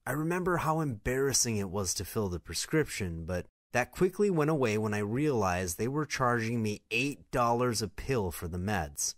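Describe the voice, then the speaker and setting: A man's voice: medium pitch, sing-song, moderate pace, few pauses, no room sound, clean studio sound. A man reading a scripted first-person story in a confessional tone.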